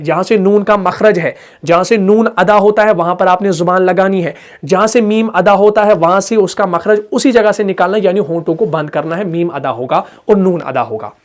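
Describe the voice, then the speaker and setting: A man teaches Quran recitation in a patient explanatory lesson. He repeats each point, asks whether it is clear, and voices the sounds himself. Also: high-pitched. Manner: demonstrates sounds aloud.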